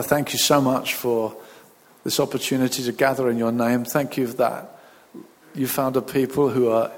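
A man, a pastor at a pulpit microphone, reading scripture, praying and preaching in a measured, deliberate way. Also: mid-range voice, husky. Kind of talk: sermon with scripture reading and prayer. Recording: long reverb of a large hall.

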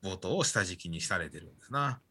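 A man's voice: sits low, lively intonation, brisk, pushed and bright. A man with a Kansai Japanese accent explains things conversationally as a radio guest, with very polite, formal phrasing. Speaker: guest explaining Buddhist temple events.

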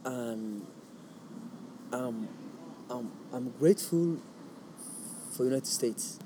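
Soft-spoken man from Somalia. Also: medium pitch, background noise. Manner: soft-spoken, halting, with frequent ums and repeats. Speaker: musician being interviewed. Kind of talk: casual conversation.

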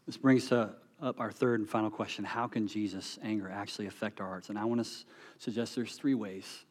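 A man preaching an earnest sermon, building to emphatic peaks and then dropping to quiet, soft phrases. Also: fairly low pitch, steady tone, a little fast. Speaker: pastor.

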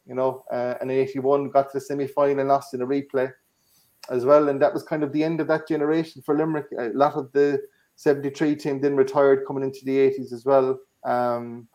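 A man with an Irish accent talks casually about sport. His voice is mellow and relaxed, and he feels his way through his recollections a little hesitantly. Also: medium pitch, brisk, lo-fi sound.

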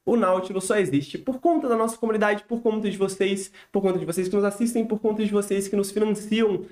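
A man with a Brazilian accent and a smoker's rasp hosts a casual live podcast monologue, with a playfully mock-grandiose manner. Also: high-pitched, fairly even intonation, fast talker, a little mellow. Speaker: podcast host.

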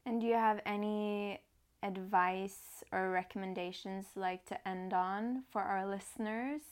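A woman hosts a casual podcast interview at a middling pitch. She keeps her guest talking with friendly questions and short affirming murmurs. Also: steady tone, measured pace, clear, resonant tone. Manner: encouraging, lots of short back-channel replies. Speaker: podcast host.

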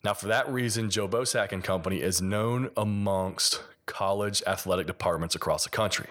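A man's voice: low-pitched, moderate pace, fairly bright tone. A man with a mild Appalachian accent from Kentucky, hosting a solo podcast and explaining things conversationally with examples. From Kentucky, United States. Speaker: podcast host and sports designer.

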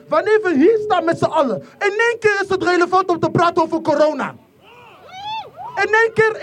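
A speaker from the Netherlands giving an impassioned protest speech outdoors, repeating lines and rising into shouts. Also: very high voice. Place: outdoor protest rally in rain. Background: faint crowd.

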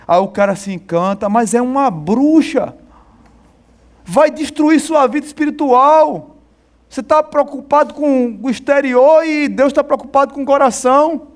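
High-voiced pastor preaching. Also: male voice. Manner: emphatic, talks to the congregation, slows on key phrases. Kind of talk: sermon.

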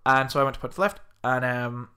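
A young man co-hosting a podcast in casual chat, animated and swearing often as he acts out the people in his stories. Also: medium pitch, fast talker, clean tone. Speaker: podcast co-host.

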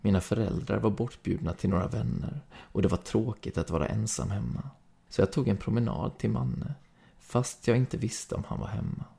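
Gravelly low-voiced Swedish man reading. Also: warm tone. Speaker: podcast reader. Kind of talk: scripted story reading.

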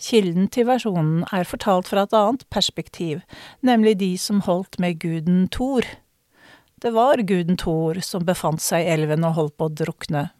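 A middle-aged woman from Norway, a storyteller telling a personal episode and an old tale in a measured, reflective way. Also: lowish voice, mellow, dry recording, studio quality. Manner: measured, reflective, with drawn-out dramatic words. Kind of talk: spoken storytelling performance.

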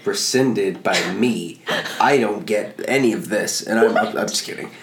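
A man's voice: fairly low pitch, measured pace, roomy sound, a little hiss or hum. A man co-hosting a podcast in casual chat, teasing, jokey and often cutting in. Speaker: podcast co-host.

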